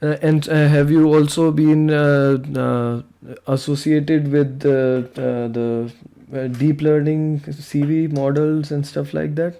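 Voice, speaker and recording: A young man hosting an online robotics meetup, talking casually and relaxed, with frequent "like" and "uh". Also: on the high side, slow, clear, resonant tone. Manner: relaxed, uses "like" and "uh" often. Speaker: meetup host and presenter. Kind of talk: casual online meeting discussion. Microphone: computer mic on a video call.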